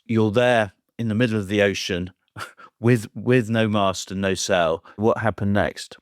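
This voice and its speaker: A man's voice: on the low side, steady tone, measured pace, no echo, clean studio sound. A man interviewing a guest, prompting her with brief follow-up questions.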